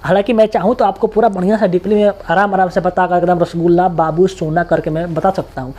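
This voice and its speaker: Male tutor, Bihari accent, rapid colloquial exam-prep lesson, repeats points to drill them. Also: high-pitched, fairly even intonation, a little mellow.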